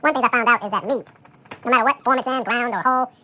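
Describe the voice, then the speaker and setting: A sped-up chipmunk voice chatters through a casual kitchen how-to, bright and sharp in tone, racing along at a frantic clip with a faint hiss behind it. The speaker stays relaxed, thinking aloud and dropping in plenty of fillers. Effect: sped-up chipmunk voice, high and fast. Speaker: home cook preparing dog food. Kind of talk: casual how-to commentary while working.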